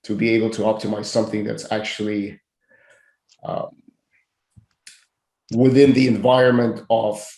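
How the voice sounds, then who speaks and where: A man's voice: on the low side, little pitch movement, moderate pace, long pauses, a little mellow. A man co-hosting a podcast, chatting casually and rambling with many restarts. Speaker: podcast co-host. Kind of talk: casual chat. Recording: roomy echo.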